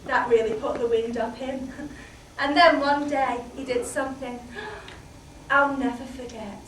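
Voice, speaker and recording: A British actress as a candid chatty housewife. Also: female voice, sits high, measured pace. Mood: animated. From Britain. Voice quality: expressive, swinging from hushed asides to loud outbursts. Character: chatty, candid middle-aged housewife, comic and exasperated. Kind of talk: solo stage monologue. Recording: roomy, distant mic, faint background noise.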